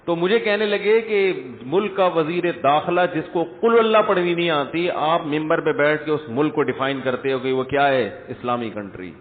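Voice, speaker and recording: A man's voice: a little high, hardly any pauses. Male preacher, Friday lecture, chatty rhetorical delivery, long hall reverb. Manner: conversational, rhetorical questions, jokes with audience. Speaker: religious scholar. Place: large echoing hall. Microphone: speaker system mic. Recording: echoey hall over tinny lo-fi line.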